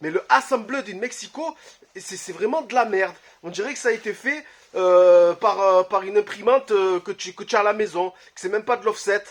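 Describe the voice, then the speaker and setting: A man, casually talking to camera about his collection, blunt and quick to swear, with lots of "euh" fillers. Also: high voice. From Marseille, France. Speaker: retro game collector vlogger. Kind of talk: casual vlog talk to camera. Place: his home, early morning.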